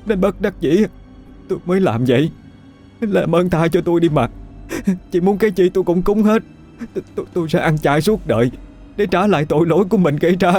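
A man's voice: a little high, lively intonation, moderate pace, a little mellow, faint music behind, voice pushed up, natural voice. A man voicing a guilty, frightened stepmother who stammers and pleads. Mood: frightened pleading.

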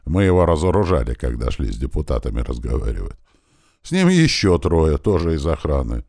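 Super deep male voice reading an audiobook, lively storytelling, dry close sound. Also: fairly quick, gravelly, husky, no room sound. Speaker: audiobook narrator. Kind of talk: first-person audiobook narration.

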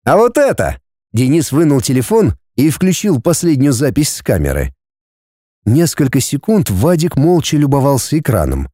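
A man reading a novel aloud as an audiobook narrator, in a steady storytelling manner. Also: medium pitch, normal speed, dry recording, clean studio sound.

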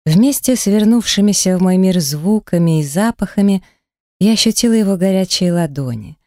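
A woman narrating a first-person romance audiobook in an intimate, breathy manner on a close studio mic. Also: medium pitch, expressive, normal speed, dark tone, no echo.

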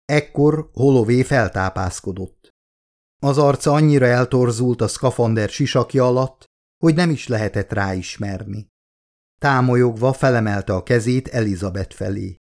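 A man reading his own novel aloud in a steady, dramatic audiobook narration. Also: mid-range voice.

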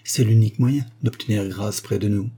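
Male reader doing a genial old-style doctor, calm, mellow husky voice. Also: fairly low pitch. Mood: measured. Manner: measured, good-humoured. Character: jovial learned male doctor.

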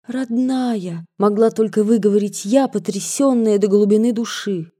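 Woman reading a story in a mellow voice. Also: mid-range voice. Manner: measured, softly expressive reading. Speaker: audiobook reader. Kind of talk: storybook narration.

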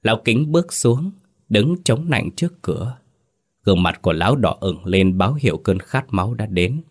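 A man's voice: on the low side, expressive, normal speed, slightly rough, dry recording, studio quality. A man giving dramatic, scripted narration of a horror story.

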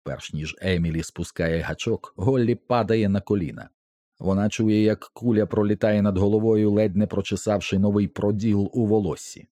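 A man narrating an audiobook with a tense, expressive dramatic reading. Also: lowish voice, moderate pace, dry recording.

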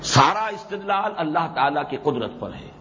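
A man's voice: a little high, animated, sharp tone, slight background noise. Emphatic male Quran teacher, echoey lo-fi tape. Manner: emphatic, recites Arabic verses in a drawn-out chant. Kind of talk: explanatory religious lecture. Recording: dull lo-fi 1990s lecture tape with long hall echo.

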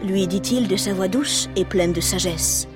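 A woman's voice: medium pitch, unhurried. A woman telling a story to children in a playful, exclamatory style with chatty asides. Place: radio studio. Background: music.

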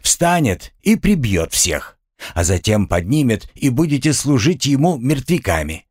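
Grumpy boastful little male sidekick, a man reading it, lively swings, dry booth. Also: mid-range voice, measured pace, slightly rough, dry recording, pitched above the performer's own voice. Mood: grumbling boastful. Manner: quarrelsome, bragging.

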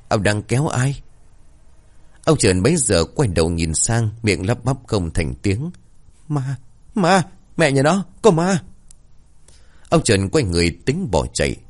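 A man narrating a spoken horror story in a suspenseful, dramatic manner. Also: deep voice.

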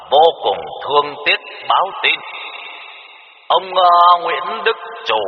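A man voicing an old village announcer reading funeral notices over a loudspeaker, halting and drawn out, with fillers. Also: medium pitch. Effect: loudspeaker sound. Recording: tinny phone-like loudspeaker with long reverb.

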